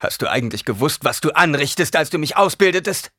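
A man voicing an anguished, bitter teenage boy who cries out in strained, high tones. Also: normal speed, bright, forceful tone, husky, no room sound, studio quality, full character voice.

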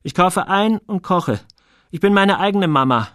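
A man's voice: sits high, animated, unhurried, a bit bright, dry recording, studio quality, voice pushed up. A man voicing a shy, awkward young boy who talks in a hesitant, earnest way, in an audiobook.

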